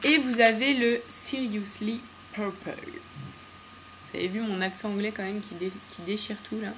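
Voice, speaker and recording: A woman's voice: mid-range voice, a little fast, fairly bright tone, a little hiss or hum. A woman chatting casually and enthusiastically in a home video, full of fillers and slang. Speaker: beauty vlogger. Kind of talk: casual nail polish haul chat. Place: home room with windows open to the street.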